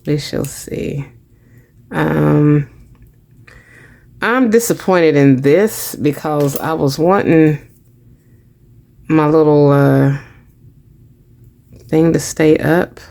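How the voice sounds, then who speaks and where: Low, gravelly-voiced woman crafting on camera. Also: very slow, pauses often, mellow. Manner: rambling, self-deprecating, trails off with fillers. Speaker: craft channel host. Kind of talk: casual crafting chat to camera.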